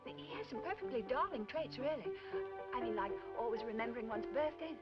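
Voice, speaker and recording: An actress in a 1950s film playing a flighty, affected upper-class wife with a breathy, gushing manner. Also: female voice, fairly high pitch, lively intonation, brisk, natural voice. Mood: worried chatter. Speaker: film character. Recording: dull old film soundtrack with music.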